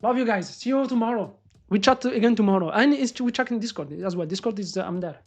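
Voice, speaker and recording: Excitable man trading live. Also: high-pitched, quick pace. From Morocco. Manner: excitable, swears, shouts at the market. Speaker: day trader live-streaming. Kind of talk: live-stream trading commentary.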